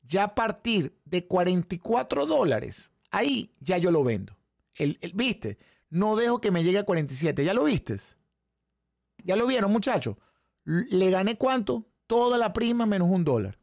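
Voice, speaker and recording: A man with a Venezuelan Spanish accent, hoarse, teaching a live trading lesson and firing rhetorical questions at his viewers. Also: high voice, moderate pace, no room sound, clean studio sound. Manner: animated, talks straight to the chat audience with frequent rhetorical questions. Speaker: trading instructor.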